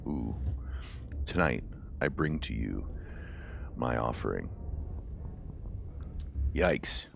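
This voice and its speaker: A man's voice: extremely low pitch, expressive, drawn-out words, creaky, a little hiss or hum. A man hosting a podcast, reading listener stories aloud and joking casually with a co-host. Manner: laid-back, jokey, swears casually.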